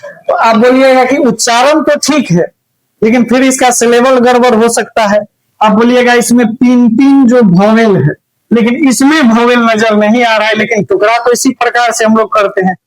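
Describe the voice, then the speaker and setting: Bihari male teacher, very high voice, patient step-by-step explainer, keeps checking in with his students. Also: fairly even intonation, moderate pace, low-quality recording. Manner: explains step by step, often checks "any problem?". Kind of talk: recorded grammar lesson.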